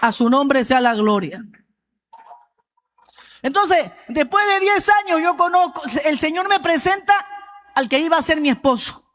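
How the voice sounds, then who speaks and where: A woman pastor with a Peruvian accent, giving a sermon with personal testimony in a lively storytelling way and often addressing the congregation as brother. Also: high-pitched, a little slow, long pauses, a little hiss or hum. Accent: Peruvian Spanish. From Peru. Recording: long hall reverb.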